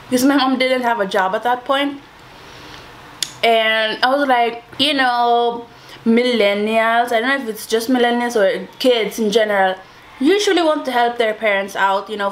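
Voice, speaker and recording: A woman's voice: a little high, slight background noise, rough recording. A young adult woman telling a personal story to viewers in a casual, chatty, informal way, like a YouTuber talking to camera. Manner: chatty, informal, addresses listeners as guys.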